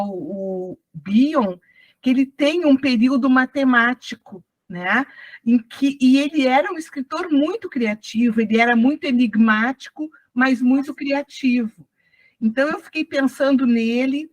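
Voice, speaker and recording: A woman's voice: high-pitched, no room sound, recorded from a distance. A woman speaking as a panelist, hesitant and searching for words. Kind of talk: casual talk at an event.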